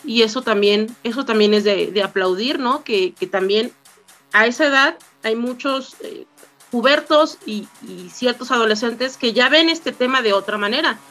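A Mexican woman with a slightly high voice who hosts a casual podcast panel. She chats easily and hands the conversation on to her guests. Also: moderate pace, fairly bright tone, faint music behind. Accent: Mexican Spanish. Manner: chatty, hands the turn to others. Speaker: podcast host.

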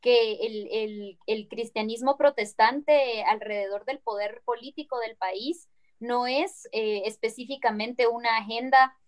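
A woman's voice: a little high, fairly even intonation, measured pace. A woman with a Guatemalan Spanish accent, a guest speaking earnestly and reflectively in an interview, often tagging her phrases with a questioning "no". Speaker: guest activist. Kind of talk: conversational interview.

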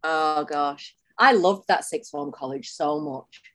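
Mancunian woman, forties, actress guest, enthusiastic, low voice, dry close sound. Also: animated, takes it slowly, dry recording. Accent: Mancunian English. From Manchester, England. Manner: warm, enthusiastic, laughs often. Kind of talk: casual interview chat.

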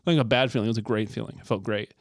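A man's voice: on the low side, fairly even intonation, very fast, no room sound, clean studio sound. A young man co-hosting a podcast, talking in a laid-back, profane casual style. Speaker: podcast co-host. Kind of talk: casual chat.

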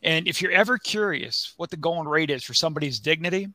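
A man's voice: on the high side, lively intonation, fast, pushed and bright, no echo. A man co-hosting a casual podcast, wisecracking and roasting the others. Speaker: podcast co-host. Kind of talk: casual chat.

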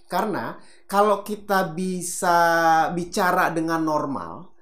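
Guy teaching public speaking, super lively voice, acts stuff out, echoey room. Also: fairly high pitch. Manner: animated, demonstrates with sound effects and quoted examples. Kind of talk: casual teaching talk to camera. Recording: roomy echo.

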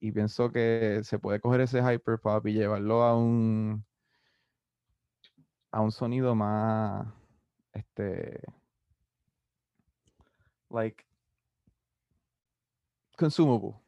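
Laid-back low gravelly young man. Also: very slow, pauses often, no echo, muffled recording. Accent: Puerto Rican Spanish. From Puerto Rico. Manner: relaxed, rambling, with many fillers. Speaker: musician guest. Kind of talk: casual interview, mixing Spanish and English.

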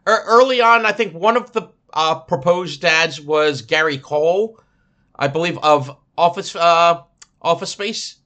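A man's voice: a little high, a little slow, pushed and bright. A man co-hosting a casual chat, hesitant, often stammering and restarting. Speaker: podcast co-host.

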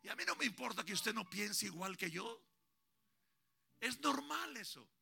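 A man in his sixties preaching a sermon at a church service, swinging from hushed tender talk to shouted preaching. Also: sits high, lively intonation, normal speed, music in the background. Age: 60s. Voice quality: gravelly. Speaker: pastor. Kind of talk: Pentecostal-style preaching.

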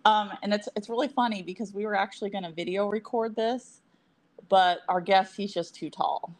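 A woman co-hosting a casual podcast, chatty and quick to laugh, with self-deprecating asides. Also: medium pitch, steady tone. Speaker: podcast co-host.

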